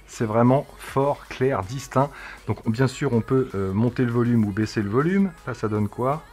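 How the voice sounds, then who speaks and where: A man's voice: mid-range voice, normal speed, darkish tone, faint music behind. A man reviewing a tech product, explaining its menus in a casual demo with frequent hesitations. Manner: explanatory, with frequent "euh" fillers.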